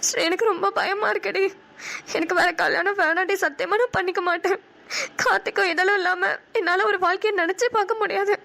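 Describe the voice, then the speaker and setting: A woman's voice: very high-pitched, steady tone, quick pace, creaky, fairly bright tone, heavily acted. A woman voicing an anxious, heartbroken young mother in a cartoon, crying and pleading. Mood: sobbing. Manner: tearful, pleading.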